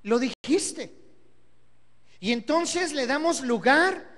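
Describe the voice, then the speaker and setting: A Mexican pastor delivers a sermon in a strikingly high voice. He presses his points by repeating words and firing rhetorical questions. The sound carries a long church-hall reverb. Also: animated, takes it slowly, a bit bright. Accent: Mexican Spanish. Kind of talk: Sunday sermon.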